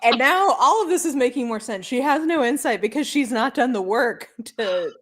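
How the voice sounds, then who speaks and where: A woman's voice: a little high, expressive, moderate pace. A woman co-hosting a podcast in casual chat, blunt and irreverent, laughing often. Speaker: podcast co-host.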